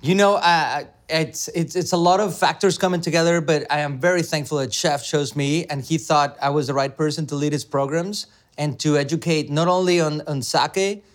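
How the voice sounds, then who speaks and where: A man's voice: fairly high pitch, fairly even intonation, moderate pace. A middle-aged man from Mexico, a beverage director, talking enthusiastically in an interview with many fillers and restarts. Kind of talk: conversational interview.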